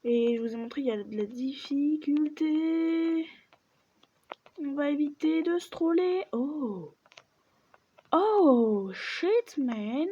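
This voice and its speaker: Her voice is high-pitched and her pace slow as this woman gives relaxed let's-play commentary, talking and muttering to herself while she plays and frequently dropping to a near-whisper. She makes gaming videos, and the lo-fi recording is dull with steady background noise.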